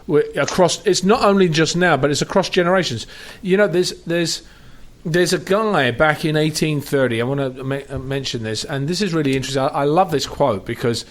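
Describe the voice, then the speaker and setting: A man's voice: a little high, a little fast. A man hosting a talk radio show, talking in a rambling, emphatic way with many restarts. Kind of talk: casual talk radio chat.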